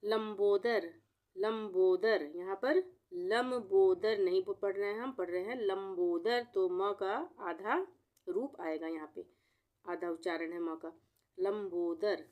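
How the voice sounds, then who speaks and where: A woman teaching a spelling lesson, breaking words into syllables and repeating each one slowly. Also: medium pitch, narrow, tinny audio. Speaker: Hindi teacher.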